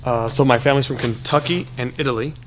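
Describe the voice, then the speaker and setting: A man's voice: mid-range voice, steady tone, fast talker, slight background noise. An American car builder chatting in a shed, joking and rambling through his answers. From United States. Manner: joking, rambling, trails off and restarts. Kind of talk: casual chat.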